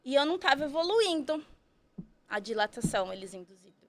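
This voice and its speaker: A woman's voice: high-pitched, big pitch swings, a little fast. A woman, telling her story as a podcast guest, chatty and full of tag questions. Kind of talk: casual storytelling.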